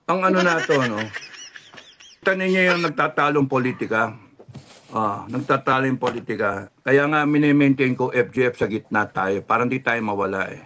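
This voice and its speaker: A man, ranting about politics with heavy cursing, swinging between shouted outbursts and low, controlled talk. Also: moderate pace. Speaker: political commentator. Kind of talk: angry political rant livestream.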